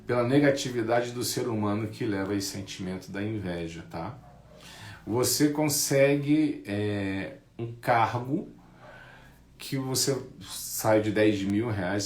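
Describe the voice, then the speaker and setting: A man giving a casual talk about envy, lively, acting out what friends say in mocking voices. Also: lowish voice, measured pace, roomy sound. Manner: animated, acts out quoted friends in mocking voices. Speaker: speaker on envy.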